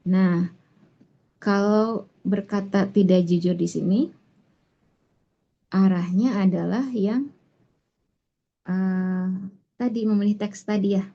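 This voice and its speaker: A female tutor explains a reading passage patiently in an online class, pausing often with fillers and restarts. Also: medium pitch, mellow. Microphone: online class recording. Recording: muffled lo-fi online class audio.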